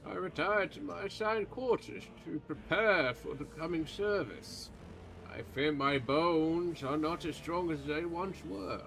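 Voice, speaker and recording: A man's voice: on the high side, unhurried, gravelly, fairly bright tone, soft background music, pitched above the performer's own voice, rough recording. A man voicing an aging male church pontifex who is stern and secretive, speaking in a formal, haughty, old-fashioned way. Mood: weary. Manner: formal archaic speech, haughty and accusing.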